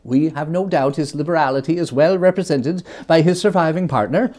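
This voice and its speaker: A reader playing a portly, polite gentleman collecting for charity in a storybook reading, formal and hesitant. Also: mid-range voice, a little fast, voice pushed up, lightly acted. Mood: earnest appeal.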